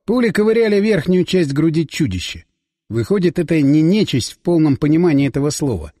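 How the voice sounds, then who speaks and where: A man reading first-person audiobook narration with lively storytelling delivery. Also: a little high, a little fast, no echo, studio quality, in a large hall.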